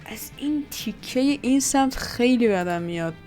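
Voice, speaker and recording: A woman's voice: fairly high pitch, lively intonation, darkish tone, faint music behind. Woman host, casual work-along commentary, muttering, thinking aloud. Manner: muttering to herself, trying things out. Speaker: 3D artist and channel host.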